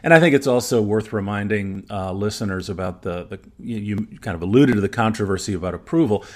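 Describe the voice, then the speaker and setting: Speaking in a darkish, fairly low voice, a man whose native language is German discusses study results as a medical expert on a podcast. The talk is a casual, conversational evidence review, delivered carefully and qualified point by point.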